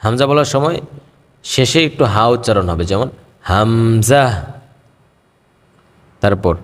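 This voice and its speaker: A man teaching a patient pronunciation lesson on Arabic letters, in a mid-pitched voice. He says each letter slowly and stretches it out in a half-sung way. His voice rings on in a long hall reverb. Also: animated.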